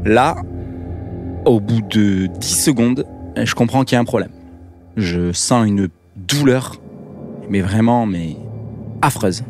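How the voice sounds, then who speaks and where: Un homme qui raconte une aventure personnelle dans un podcast, de façon vivante et dramatique, avec un langage familier. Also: male voice, lowish voice, slow pace, long pauses, soft background music. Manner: lively, dramatic, casual slang. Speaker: podcast guest telling his story. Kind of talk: personal storytelling.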